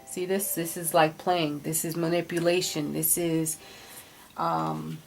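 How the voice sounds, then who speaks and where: A woman with a low voice gives a spiritual tarot reading over music. Her intonation stays fairly flat as she thinks aloud, pausing and restarting. She hands out blunt, casual advice like a card reader. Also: gravelly, rough recording.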